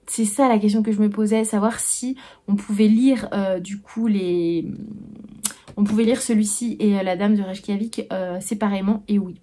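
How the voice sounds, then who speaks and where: A woman's voice: medium pitch, dark tone. A young adult woman vlogging about books she received, talking casually and hesitantly, with many fillers and restarts. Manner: hesitant, full of "euh" and restarts, musing aloud. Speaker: book vlogger.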